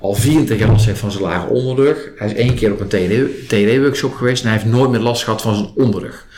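Low-voiced man explaining, roomy echo. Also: fast talker, darkish tone. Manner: acts out example questions and client remarks while explaining. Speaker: trainer in a body-based stress release method, interviewed. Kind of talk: explanatory interview talk. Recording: roomy echo, clear background noise.

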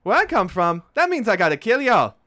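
A man's voice: sits high, very animated, a little fast, pushed and bright, slight background noise, voice pushed up, exaggerated voice. A man voicing a brash, menacing young female biker who drawls with a country twang.

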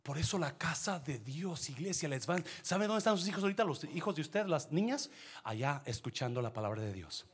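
A middle-aged male pastor preaching a sermon with animated delivery, mixing in English phrases. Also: a little high, brisk, husky. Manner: animated preaching, switching between Spanish and English.

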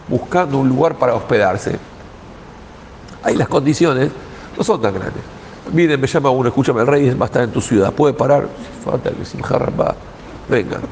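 Argentine rabbi with a gravelly voice. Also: male voice, medium pitch, in a large hall, a little hiss or hum, low-quality recording. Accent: Argentine Spanish. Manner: lively storyteller, acts out dialogue in quoted voices. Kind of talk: Torah talk with a story.

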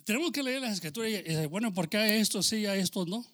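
A man's voice: high voice, animated, racing, fairly bright tone. A man preaching a sermon, calling out to his listeners as brother and punctuating with praise, slipping into English phrases now and then. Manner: preaching with rising fervor, calling out "hermano" and "aleluya"; code-switches into English phrases.

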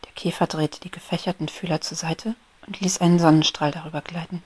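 A woman reading a children's story aloud in a whispered role-play, soft and slow. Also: on the low side, little pitch movement, slightly rough. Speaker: ASMR storyteller.

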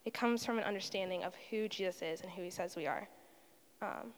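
Sincere woman giving testimony in a church. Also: medium pitch. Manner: sincere and reflective. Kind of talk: personal testimony. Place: church sanctuary. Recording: long hall reverb in a sanctuary.

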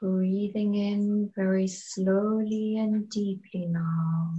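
Very slow, soft, mellow woman guiding meditation. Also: mid-range voice, little pitch movement, dull audio. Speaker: guided meditation leader. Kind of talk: slow guided meditation narration.

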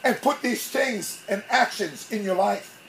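Preaching a little slowly, this male pastor still brings theatrical liveliness, acting out brief scenes within his sermon. His voice is high for a man, and the rough recording carries a faint underlying hum.

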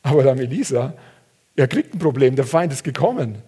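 A man preaching a sermon, reading scripture aloud and swinging between soft, low passages and loud, raised ones. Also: expressive, a little fast, slightly rough.

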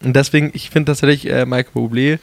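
A man's voice: medium pitch, steady tone, quick pace, creaky, dry recording. A man hosting a casual chat, talkative and laughing often, trailing off and restarting mid-sentence.

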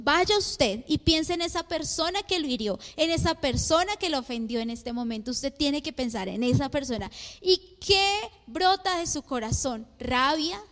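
A woman in her thirties preaching a sermon, full of rhetorical questions to the congregation. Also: high-pitched. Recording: long hall reverb.

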